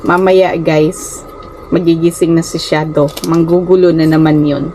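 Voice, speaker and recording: Woman with a Filipino accent, chatty home vlog, small room, steady hiss behind her. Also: sits low, a little slow, low-quality recording. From Philippines. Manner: chatty, often addresses viewers as guys, stumbles over words. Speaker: vlogger. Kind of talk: casual chat to viewers.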